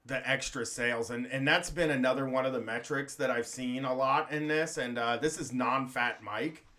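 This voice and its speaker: A man's voice: mid-range voice, steady tone, moderate pace, bright, forceful tone. A man co-hosting a casual podcast, rambling loosely, laughing often and reading listener comments aloud. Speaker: podcast co-host. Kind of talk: casual chat.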